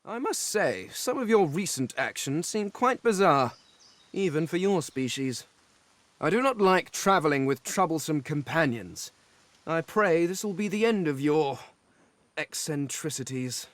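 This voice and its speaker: An actor playing a haughty, pedantic non-human scholar in a video game, pompous and precise in formal speech. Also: male voice, a little high, lively intonation, unhurried, fairly bright tone, no echo. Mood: haughty, displeased.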